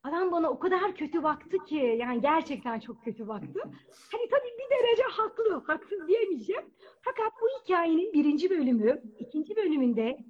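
A woman telling a personal story at a live storytelling event, animated and acting out the voices of people she quotes. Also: extremely high pitch, fairly quick. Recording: dull lo-fi event recording.

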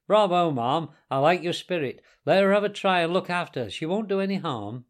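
Man playing a hearty, lively gentleman motorist. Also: high voice, brisk, voice pushed up. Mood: amused, approving. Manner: hearty, approving, genteel. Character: hearty, indulgent, easily fooled gentleman motorist. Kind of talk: storybook character voice in audiobook reading.

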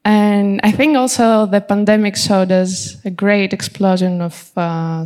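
A woman's voice: mid-range voice, warm tone. A woman with a Greek accent moderating a live panel and introducing it, sometimes searching for words. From Greece.

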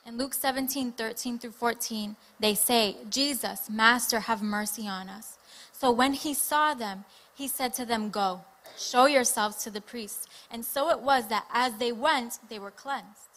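A woman preaching a sermon and reading scripture aloud, pausing after each short phrase for her interpreter. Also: a little high, fairly bright tone.

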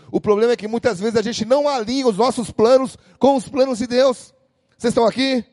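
A Brazilian man preaching a sermon as a pastor, energetic and calling out to the congregation. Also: high-pitched, no echo, in a large hall. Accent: Brazilian Portuguese. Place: church hall.

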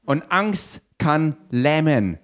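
A man's voice: fairly high pitch, big pitch swings, very slow. A man interpreting a sermon live, matching the preacher's energy. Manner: mirrors the preacher's energy, echoing shouts.

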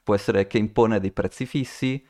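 A man's voice: on the low side, normal speed, a little mellow. A man co-hosting a podcast, telling a story in casual chat, rambling with many restarts and fillers. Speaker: podcast co-host.

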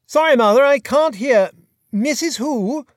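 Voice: sits high, animated, measured pace, no echo, pitched above the performer's own voice. Courteous upper-class gent, airy and clipped, storybook reading, dry sound, narrator-voiced. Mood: breezy. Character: genial aristocratic gentleman sleuth, light and courteous.

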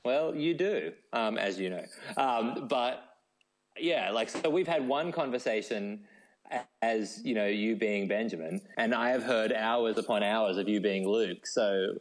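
Speaking over a phone call, an Australian man appears as a guest novelist in a casual interview. His voice is on the low side and measured in pace. He rambles, makes self-deprecating remarks and starts hesitantly.

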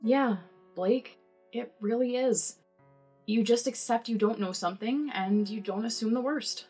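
A woman's voice: a little high, measured pace, warm tone, breathy edge, soft background music. A woman playing an earnest, anxious young librarian sidekick in a noir audio drama, pleading and exasperated.

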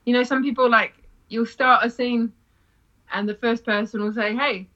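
A woman's voice: fairly high pitch, steady tone, normal speed, a bit bright, lo-fi sound. A woman who teaches improv, chatting casually, laughing often and acting out quoted lines. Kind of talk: casual podcast chat.

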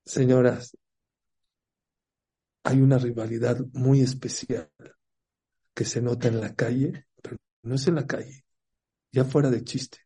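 A man's voice: medium pitch, fairly even intonation, slow, creaky, long pauses, mellow, husky. A man gives a religious talk, telling stories, asking the listeners questions and acting out the characters' voices. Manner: storytelling, asks the audience questions. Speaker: religious teacher.

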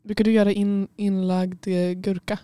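A woman's voice: medium pitch, level tone, warm tone, clean tone, no room sound. A woman co-hosting a podcast in casual chat, curious and hedging, with many fillers. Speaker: podcast co-host. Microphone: studio mic.

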